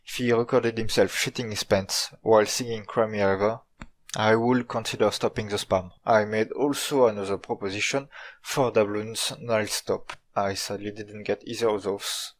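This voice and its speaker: A man with a French accent narrates a video story in a fairly low voice. His delivery is informal, dry and tongue-in-cheek, as befits a native French speaker telling his tale in English. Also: fairly even intonation, moderate pace. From France.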